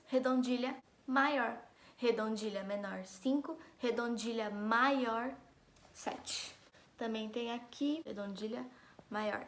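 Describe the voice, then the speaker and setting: A woman's voice: on the high side, roomy sound. A woman teacher giving a recorded class lesson in a chatty, explanatory way, stressing syllables one by one and talking straight to her students. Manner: chatty, addresses students directly. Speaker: school teacher.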